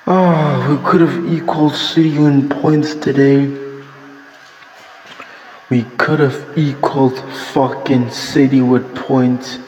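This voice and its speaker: A frustrated man hosts a solo podcast, swearing constantly as he rants at an unhurried pace. His voice sits in a roomy space with a long reverb tail and a faint hiss underneath. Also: mid-range voice, fairly even intonation, a little mellow, dull audio. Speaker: podcast host.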